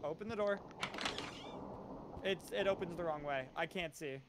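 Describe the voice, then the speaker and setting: A man's voice: on the high side, background noise. A young man explaining a video game to friends in casual voice chat, urging them on. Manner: quick, instructive, urging others on. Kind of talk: casual voice chat while gaming.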